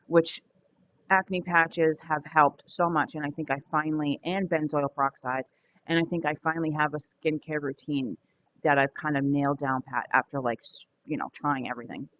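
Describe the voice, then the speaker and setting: A woman's voice: low-pitched, highs cut off. A woman in her forties talking candidly in a casual personal vlog, chatty and prone to restarting her sentences. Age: 40s. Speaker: vlogger.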